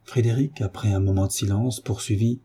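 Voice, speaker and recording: Brief: male audiobook narrator, measured storytelling, very mellow dark tone, a touch husky. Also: fairly low pitch, fairly even intonation.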